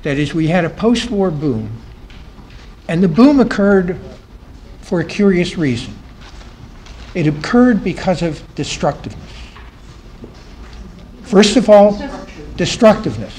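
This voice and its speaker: Male panel speaker with a slightly high voice, lecturing a live audience. His phrase endings fade, and he repeats points for emphasis. Faint room noise. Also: very animated, unhurried, pauses often, a little mellow, low-quality recording. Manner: voice drops and trails off at the ends of phrases; emphatic repetition of key phrases. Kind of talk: academic talk to a live audience. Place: conference room.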